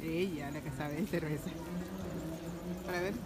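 A young woman with a deep voice films herself on a phone held at arm's length for a travel vlog at an outdoor Christmas market. Loud music and a crowd create heavy background noise as she chats upbeat, with a steady tone and measured pace.

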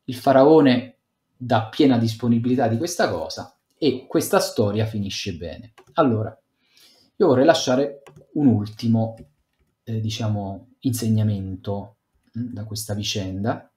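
A man's voice: lowish voice, a little slow, dark tone. A man teaching a youth group over a video call, retelling a scripture story with read passages, loose commentary and fillers. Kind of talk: Bible talk given over a video conference. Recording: echoey room.

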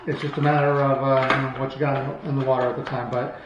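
A channel host in his thirties rambles plainly and off the cuff while showcasing products, his mid-range voice fast with little pitch movement. The unscripted vlog is recorded on a camera mic across a table in a small, hard-walled room at home, which sounds very echoey, with faint background noise and the highs cut off.

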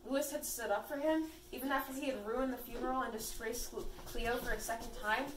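A teenage girl reads a homemade story aloud, slightly high voice, giggling between lines. She sits away from the mic in an echoey room with a faint hiss underneath. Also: fairly even intonation, fairly quick, far from the mic. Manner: giggly, breaks into laughter while reading. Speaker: fanfiction reader. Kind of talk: casual group reading of fan fiction. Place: room at a birthday party.

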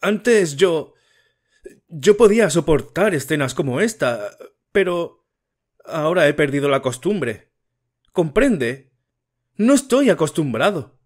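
A nervous young student, as a male narrator puts him on in an audiobook story, stammering and choked up. His voice is lifted noticeably higher than the narrator's own. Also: big pitch swings, slow, pauses often, darkish tone, exaggerated voice. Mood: nervous pleading. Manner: stammering, breathless.

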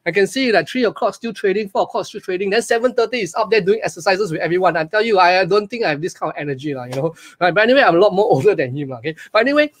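A man in his forties with a Malaysian English accent, speaking into a webcam from a small room during a live webinar. His voice sits high and he talks quickly. He is energetic and repeats himself, often putting questions to his viewers. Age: 40s. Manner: energetic, repetitive, asks the audience questions. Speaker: online business coach. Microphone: webcam on a video call.

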